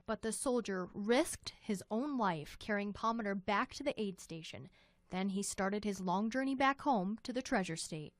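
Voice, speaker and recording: A woman's voice: medium pitch, lively intonation, normal speed, dry recording. American woman reporting scripted TV news, dry sound.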